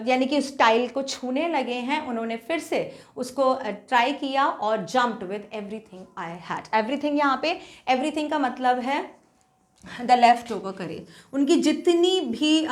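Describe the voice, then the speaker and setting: A woman teacher with an Indian accent, explaining an English story in Hindi and reading the English passages slowly and carefully. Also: high-pitched. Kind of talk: bilingual literature lesson.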